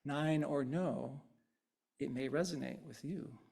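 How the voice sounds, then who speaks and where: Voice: medium pitch, takes it slowly, vocal fry, dark tone, husky. A speaker giving an interactive sermon, talking conversationally, often tagging "right?" and echoing answers from the congregation. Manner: repeats and riffs on audience answers.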